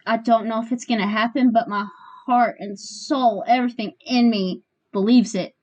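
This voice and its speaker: A woman's voice: fairly high pitch, steady tone, normal speed, a little mellow, dry recording. A woman guesting on a casual podcast in a small room, playful and self-mocking.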